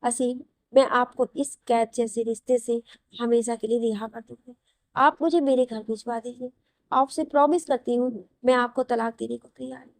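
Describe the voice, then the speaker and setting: A woman's voice: a little high, fairly even intonation, normal speed, dry recording, clean studio sound, natural voice. A woman voicing a desperate young wife who pleads through tears in a read-aloud audio story. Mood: pleading, tearful. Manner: pleading and crying.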